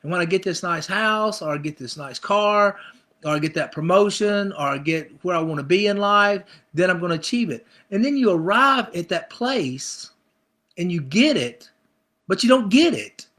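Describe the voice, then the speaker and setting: A man's voice: high voice, expressive, normal speed, sharp tone. A middle-aged male pastor preaching a conversational sermon, acting out people's inner thoughts with repeated phrases.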